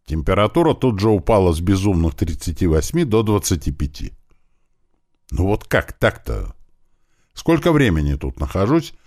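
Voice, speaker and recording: Male audiobook narrator, very deep, dry close sound. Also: darkish tone, no room sound.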